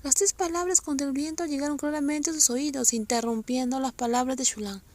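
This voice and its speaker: High-voiced woman reading a novel aloud. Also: steady tone, fairly quick, a little mellow. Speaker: narrator.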